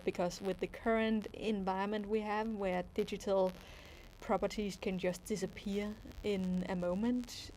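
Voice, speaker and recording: A Danish woman with a Danish accent, an animation creator, hosts a casual livestream Q&A, reading viewer questions aloud and answering thoughtfully with plenty of ums. Her voice is medium-pitched and a little mellow, with slight background noise.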